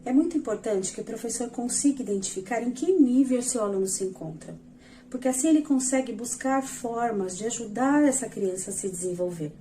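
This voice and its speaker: Patient woman explaining slides, mellow voice. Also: fairly high pitch, animated, fairly quick, a little hiss or hum. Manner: patient, explains step by step, addresses viewers directly. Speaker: educational psychologist teaching. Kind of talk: explanatory lesson over slides.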